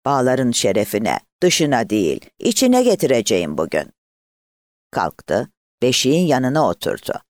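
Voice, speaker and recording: A male audiobook narrator with a mid-range voice, reading a novel in an expressive, measured way. His pitch swings widely from line to line, and the recording is dry and close. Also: no echo. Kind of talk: literary narration.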